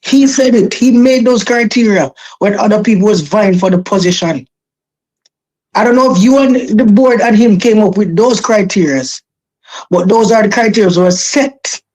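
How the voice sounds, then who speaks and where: A woman with a husky, somewhat rough voice and a Jamaican accent lays out her argument in casual talk. She speaks as a call-in guest. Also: mid-range voice, darkish tone, low-quality recording.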